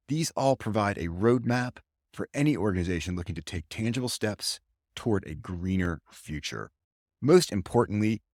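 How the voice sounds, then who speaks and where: A man's voice: fairly low pitch, no room sound, studio quality. A man hosting a radio talk show in an upbeat, chatty way.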